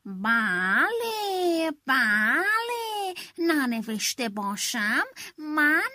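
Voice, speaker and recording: A woman voicing a scheming fox in a children's story who drawls smooth, coaxing words. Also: high-pitched, big pitch swings, sharp tone, heavily acted. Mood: sly, coaxing. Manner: slow, drawn-out, smooth-talking. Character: sly scheming fox pretending friendship.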